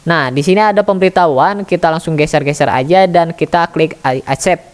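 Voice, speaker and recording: With a deep voice and a brisk delivery, a woman who runs a tutorial channel walks viewers through a process step by step. She keeps it casual and chatty, speaking straight to her audience as soft music plays in the background.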